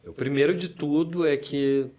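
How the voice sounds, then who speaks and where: A man from Brazil with a Curitiba accent, a podcast guest chatting casually and telling lively stories, acting out what people say. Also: a little high, moderate pace. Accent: Curitiba Brazilian Portuguese. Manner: animated storyteller, acts out quoted speech. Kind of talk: casual interview chat.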